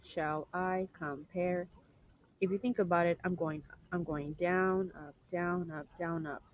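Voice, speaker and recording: A young woman talks through a class presentation in a fairly low voice. She explains patiently, circles back to rephrase her points, and clears her throat every so often. A faint hiss sits under the recording. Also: poor audio. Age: young adult. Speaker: student presenter.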